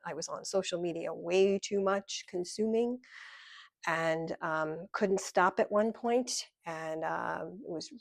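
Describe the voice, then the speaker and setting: Middle-aged woman vlogging, low gravelly voice, dry close sound, candid and rambling. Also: no echo. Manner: candid, rambling, many ums. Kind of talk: personal storytelling vlog.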